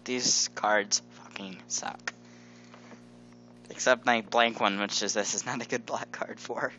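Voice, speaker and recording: A man's voice: lowish voice, fairly even intonation, slow, pushed and bright, lo-fi sound, faint music behind. A young man playing a card game over voice chat, joking, swearing and laughing often. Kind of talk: casual voice chat while gaming. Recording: noisy voice chat mic.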